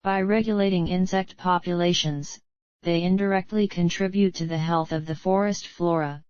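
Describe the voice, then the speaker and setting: A woman reading scripted nature documentary narration in a measured, earnest, formal way. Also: on the low side, darkish tone, smooth, no room sound, muffled recording.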